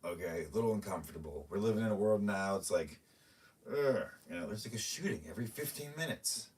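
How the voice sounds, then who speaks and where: A man's voice: on the low side, lively intonation, a little fast, a little mellow, distant mic. A middle-aged man ranting casually on a live stream, talking to his viewers and his cats. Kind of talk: rambling live-stream chat.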